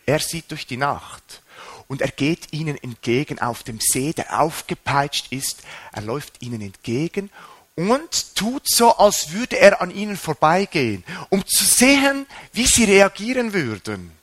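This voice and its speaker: Man, preacher, sermon, lively swooping pitch, bright edge. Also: measured pace. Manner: animated, rising and dropping sharply for emphasis.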